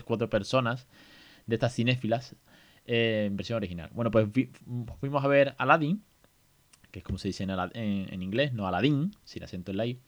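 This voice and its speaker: A man talks through a casual podcast monologue. He is colloquial and self-mocking, and he restarts his sentences often. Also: mid-range voice. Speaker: podcast host and parent.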